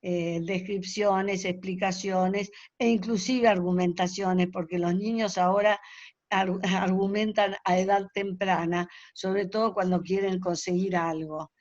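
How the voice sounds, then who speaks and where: A woman's voice: mid-range voice, little pitch movement, a little slow, darkish tone, dry recording. Older woman, lecturer on a webinar, hesitant and explanatory, dull dry call audio. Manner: explanatory, many hesitations and fillers. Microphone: video call.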